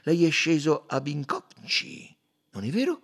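A man's voice: a little high, huge pitch swings, unhurried, a bit bright, slightly rough, pitched above the performer's own voice, full character voice. A man reading an audiobook, voicing a fussy, probing older male detective who questions in a coaxing, insistent way.

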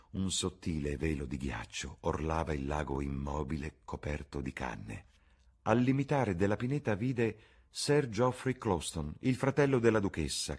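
A man reading a classic novel aloud as an audiobook in a measured, expressive voice. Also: low voice, husky. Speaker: audiobook reader. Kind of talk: literary audiobook narration.

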